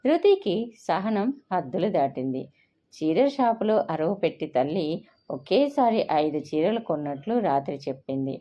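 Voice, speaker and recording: A woman storyteller reading a family drama in a measured, expressive way. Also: fairly low pitch. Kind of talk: scripted story narration. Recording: dull lo-fi recording.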